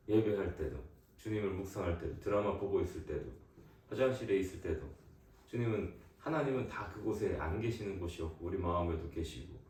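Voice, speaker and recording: A man's voice: low voice, a little mellow. A man leading family worship, preaching at home. He asks questions and builds to emphatic exhortation. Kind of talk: home sermon. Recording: echoey room, distant mic.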